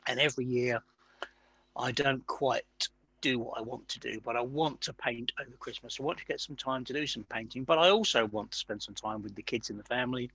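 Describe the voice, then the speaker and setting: Relaxed guy on a podcast call, talking with his mouth full, bright voice, dry sound. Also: medium pitch, fairly quick, vocal fry, slightly rough, no room sound. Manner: easygoing, talks while eating. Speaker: podcast regular. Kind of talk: casual podcast chat.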